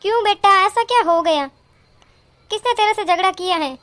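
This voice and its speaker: A woman's voice: extremely high pitch, moderate pace, fairly bright tone. A woman voicing a middle-aged cartoon mother who dotes on her daughter and scolds her daughter's in-laws indignantly. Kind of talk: cartoon voice acting.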